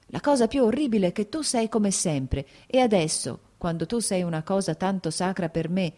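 A woman's voice: medium pitch, animated, normal speed, mellow, lightly acted. A woman voicing an agitated, jealous young husband in an audiobook, speaking in pleading, broken outbursts. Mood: anguished.

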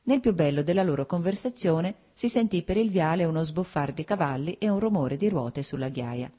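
A woman narrating a classic novel as an audiobook, in a steady, even reading voice. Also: on the low side, normal speed. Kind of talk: scripted narration.

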